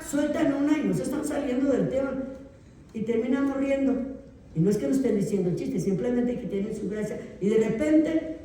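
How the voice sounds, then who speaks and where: A woman pastor teaching a theology class in a relaxed, conversational way, often checking that her students follow. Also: fairly high pitch. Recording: echoey room, voice picked up from far off.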